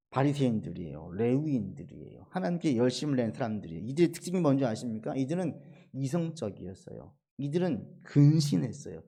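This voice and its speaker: A middle-aged male pastor preaching a sermon, dropping to soft low asides and then rising into emphatic, acted-out quotations.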